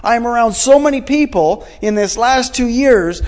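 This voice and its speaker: A man's voice: very high-pitched, animated, normal speed, darkish tone. A man in his forties preaching a sermon in an earnest, repetitive way, asking his listeners questions. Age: 40s. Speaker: pastor.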